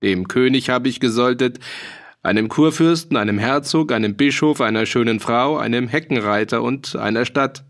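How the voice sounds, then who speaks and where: A man's voice: medium pitch, measured pace, a bit bright, close to an everyday voice. A man voicing a cheerful, roguish male mercenary with a dialect, jovial and teasing. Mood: jovial boastful. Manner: jovial, teasing, bursts of laughter.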